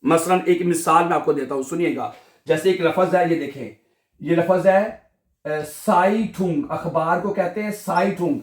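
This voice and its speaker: High-voiced guy w/ pakistani urdu accent teaching beginners, keeps repeating stuff, echoey room. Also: moderate pace. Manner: patient, repeats each sound and checks understanding. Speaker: language teacher. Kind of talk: beginner language lesson.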